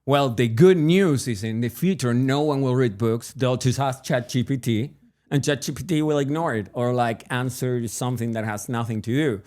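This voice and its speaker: A man from Argentina co-hosts a podcast, chatting casually in an Argentine Spanish accent. He jokes, rambles, restarts often and laughs, his medium-pitched voice a little mellow at a normal pace.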